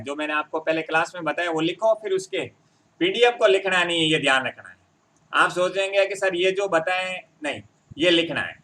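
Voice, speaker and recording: A man's voice: sits high, sharp tone. A man teaching a Hindi grammar lesson, explaining step by step and often checking that his students follow.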